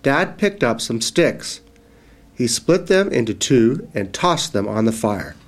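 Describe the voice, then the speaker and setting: Male narrator for a children's read-aloud; slow pace, very lively intonation. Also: mid-range voice. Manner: expressive, voices every character. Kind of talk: reading a children's story aloud.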